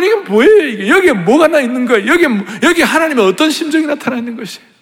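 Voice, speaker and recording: Male pastor, sermon, high gravelly voice, dramatic storytelling, long church reverb. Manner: dramatic storytelling, swinging from hushed tones to shouts.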